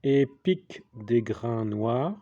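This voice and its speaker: Guy dictating for class, super slow n deliberate, bit mellow, repeats bits, muffled cheap recording. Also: medium pitch, animated, no room sound. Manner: deliberate, segmented, repeating each phrase. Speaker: teacher giving a dictation. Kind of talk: dictating a text slowly, phrase by phrase with repeats and spoken punctuation. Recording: dull lo-fi sound.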